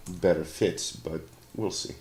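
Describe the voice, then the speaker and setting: A man's voice: fairly even intonation, unhurried, noisy background. A man livestreaming a game with casual commentary, sounding sick with a sore throat and a stuffed nose. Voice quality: congested, very deep sick voice. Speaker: game streamer, show host. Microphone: streaming microphone.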